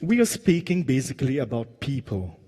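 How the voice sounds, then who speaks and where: Halting moderator from Mauritius, reverberant hall. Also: male voice, medium pitch, sing-song, dark tone. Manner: halting, many fillers, engaging the audience. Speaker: panel moderator. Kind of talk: conference panel moderation. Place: large conference hall. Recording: long reverb of a conference hall.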